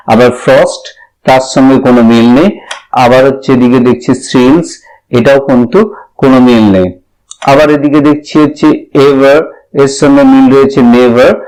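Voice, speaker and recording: A man's voice: medium pitch, rough recording. A man with a Bengali accent, teaching a poem to students and explaining each line with rising emphasis. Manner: recites the poem slowly, then explains with lively rising emphasis.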